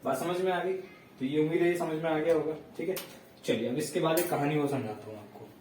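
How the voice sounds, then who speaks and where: A man's voice: fairly high pitch, a little mellow, slight background noise. Male tutor, patient step-by-step explainer, recorded from a distance in a reverberant classroom. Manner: explains step by step, checks in with students; dictates sentences slowly word by word. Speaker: teacher. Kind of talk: classroom grammar lesson. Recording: echoey room, voice heard from a distance.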